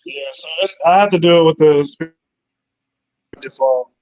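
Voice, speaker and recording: A man talking in an easygoing, halting way as a guest on a casual interview, heard over a choppy phone video-call connection that cuts out. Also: a little high, a little mellow. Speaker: guest, python breeder. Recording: dull lo-fi phone audio cutting out.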